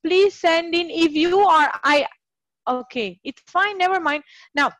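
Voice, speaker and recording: A woman's voice: very high-pitched, a little slow, fairly bright tone, no room sound. A woman teaching a live online English class, cheerful and encouraging, praising her students over a computer mic.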